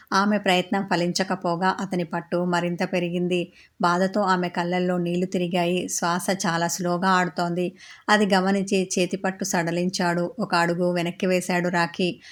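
A woman narrates a serialized romance story in a calm, even reading voice. Her pitch sits on the low side, and she keeps the intonation flat and level. The delivery is steady and unhurried, like someone reading chapter after chapter aloud.

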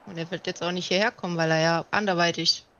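A woman's voice: on the low side, steady tone, quick pace, a bit bright, highs cut off. A woman chatting in character during a game roleplay, giving dry, unimpressed replies. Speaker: roleplay player.

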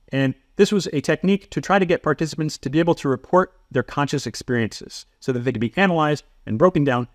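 A man's voice: a little high, no room sound. A man narrating a psychology lesson in a methodical, explanatory way, with dry self-deprecating humor. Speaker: psychology instructor. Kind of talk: scripted educational narration.

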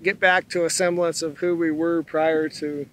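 A middle-aged man co-hosting a sailing vlog, talking in a steady, thoughtful way with pauses and fillers, seated outdoors on open dunes and filmed from a tripod camera. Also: fairly high pitch, a little hiss or hum. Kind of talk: casual chat.

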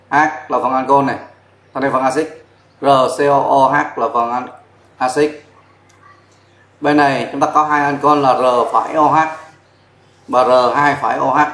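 A man's voice: medium pitch, fairly bright tone. A man teaching a chemistry lesson at a board, explaining step by step and spelling out formulas letter by letter. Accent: Vietnamese. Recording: echoey classroom sound.

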